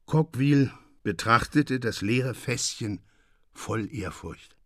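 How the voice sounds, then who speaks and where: A man narrating a literary story in a measured, expressive reading style. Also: mid-range voice, no room sound. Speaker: audiobook reader. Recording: dry studio sound.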